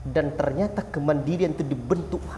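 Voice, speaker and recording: A man's voice: fairly high pitch, moderate pace, mellow, a little hiss or hum. A man giving a religious lesson to parents in a small prayer hall, asking rhetorical questions and acting out little parent-child exchanges. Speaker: Islamic preacher.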